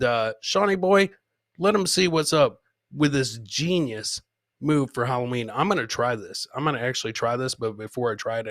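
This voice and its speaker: A middle-aged man hosts a comedy podcast in a casual live-stream chat, swearing, repeating phrases for emphasis, and playing showman to his audience. His voice is medium-pitched and fairly bright, captured in studio quality with no echo.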